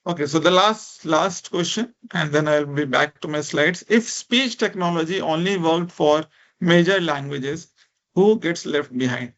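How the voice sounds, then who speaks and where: Dull audio carries a fairly high, somewhat bright male voice at a measured pace. He is a speech technology researcher from India, speaking accented English as a second language after a minority language of India, delivering an informal, encouraging interactive online lecture and regularly checking in with "right?" and "you know."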